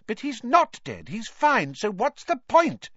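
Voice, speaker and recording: A man doing a shrill, brisk fussy mother. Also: wildly swooping pitch, a bit bright, no room sound, muffled recording, exaggerated voice.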